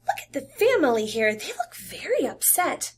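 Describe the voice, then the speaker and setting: A young adult teacher reads a picture book aloud to young children in a high voice, expressive and animated. She adds sound effects and pauses now and then to explain.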